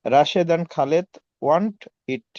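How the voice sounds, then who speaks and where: A male student reads practice sentences slowly and haltingly, repeating each one. His voice sits a little high. The audio is dull and lo-fi, and the sound is dry. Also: darkish tone, no room sound. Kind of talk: reading practice sentences aloud.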